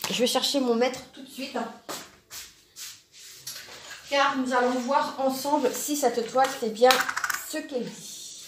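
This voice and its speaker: A woman's voice: high voice, fairly even intonation, a little slow, pauses often, background noise. A woman hosting a crafting channel, chatting casually as she unboxes products, musing aloud to herself with lots of fillers.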